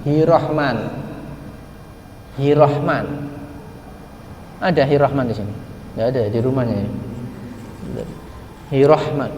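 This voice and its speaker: A man giving a religious study lesson, asking himself rhetorical questions and drawing out Quranic words slowly as examples. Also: medium pitch, warm tone, dull audio, a little hiss or hum. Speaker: religious teacher. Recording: echoey hall with faint ambience.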